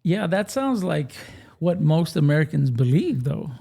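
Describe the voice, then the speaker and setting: A man's voice: on the high side, sing-song, a little slow, vocal fry, mellow, husky. A man, a pastor hosting a show, interviewing a guest in an affirming, conversational way. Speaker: pastor and podcast host.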